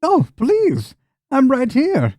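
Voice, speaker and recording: A taunting, cackling old hag from a tabletop fantasy game, as a male game master puts her on. The voice jumps up high, with a gleeful old crone's menace. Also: wildly swooping pitch, takes it slowly, a little mellow, no room sound, studio quality, heavily acted.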